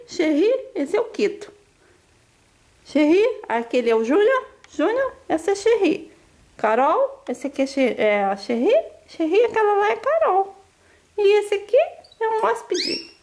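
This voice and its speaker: A woman's voice: extremely high pitch, a little mellow. A young woman at home, talking baby talk to her new puppy in a cooing, sing-song way. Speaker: pet vlogger. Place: home indoors.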